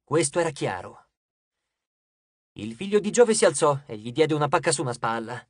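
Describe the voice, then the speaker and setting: Expressive audiobook narrator, dry studio. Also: medium pitch, normal speed, no echo. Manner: expressive storytelling.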